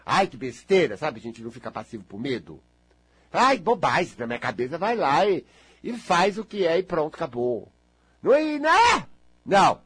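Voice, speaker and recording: A man speaks straight to his listeners in a chatty, animated monologue, his voice swooping widely up and down. The tone is slightly husky and sits a little high. The sound is dry and close. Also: normal speed, dry recording. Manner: animated, chatty, addresses the audience as "gente"; acts out quoted voices with big pitch jumps. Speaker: speaker giving life advice. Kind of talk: casual motivational monologue.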